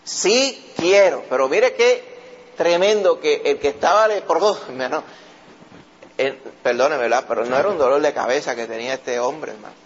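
Preacher man, lively delivery. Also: mid-range voice, moderate pace, breathy edge. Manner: lively storytelling preaching, acts out voices; addresses listeners often as brother. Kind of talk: sermon. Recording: dull lo-fi recording.

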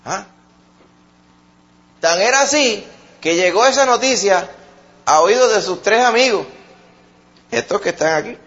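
A man with a Puerto Rican accent preaching a sermon, swinging between loud emphatic peaks and soft, low asides. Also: expressive, measured pace, pauses often, muffled recording.

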